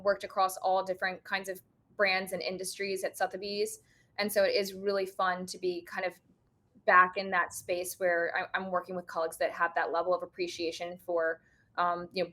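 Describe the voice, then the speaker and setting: A woman guest on a casual livestream chat, speaking thoughtfully with many pauses and restarts. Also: on the low side, pushed and bright.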